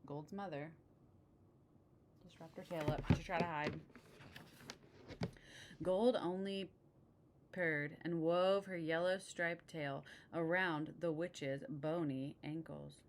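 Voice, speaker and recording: Slow, expressive woman reading a storybook. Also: low voice, slight background noise. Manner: expressive, adds casual asides about the pictures. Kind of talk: picture-book read-aloud.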